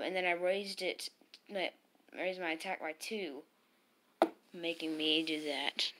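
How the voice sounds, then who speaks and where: A woman giving live commentary while playing a battle game, excitable and yelling at the screen. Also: low-pitched, a little hiss or hum. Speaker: gamer playing online battles.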